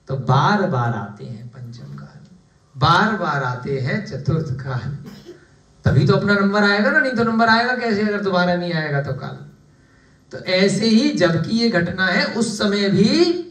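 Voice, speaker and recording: A man teaching a scripture class. He explains the text in measured steps, repeats key terms, and asks the class questions that he then answers himself. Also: high-pitched. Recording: echoey room, voice from a distance.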